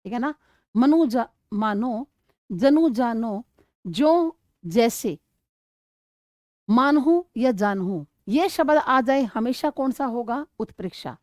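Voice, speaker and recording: A woman with a high voice teaches an exam-prep grammar lesson at an unhurried pace. She keeps asking questions and answering them herself, and she sounds out words slowly to show their stress. The recording is close and dry. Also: expressive, darkish tone, dry recording.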